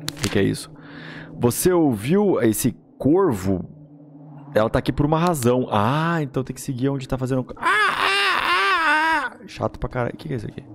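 A man's voice: medium pitch, animated, a little fast, darkish tone, a little hiss or hum. A man with a Brazilian accent giving casual, slangy let's-play commentary as a gaming host, reacting and swearing as he goes.

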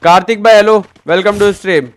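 A man's voice: high-pitched, fairly even intonation, unhurried, clean tone. A man streaming a shooter game live, barking orders and swearing at teammates while greeting viewers by name. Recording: gunfire noise behind.

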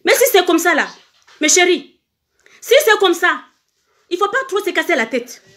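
Comorian woman, singer on a phone livestream, very high pitch, emphatic and repetitive. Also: animated, normal speed, bright, forceful tone. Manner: emphatic, repetitive, asks viewers for hearts. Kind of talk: casual livestream monologue.

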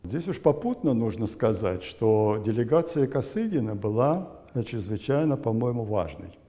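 A former interpreter in his eighties, seated before a camera in a plain indoor room, reminisces in an interview, speaking deliberately and haltingly with emphatic stresses. His mid-range, dark voice swings widely in pitch. Recorded on a lapel mic, the sound is muffled with long room reverb.

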